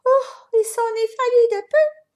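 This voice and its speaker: A woman voicing a curious little girl with high, sighing exclamations. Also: measured pace, fairly bright tone, full character voice. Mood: fretful.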